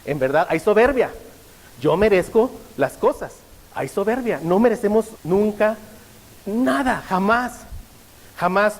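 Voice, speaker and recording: A man's voice: high-pitched, lively intonation, unhurried, big-room sound, low-quality recording. A male pastor preaching a sermon, often stopping to ask the congregation rhetorical questions.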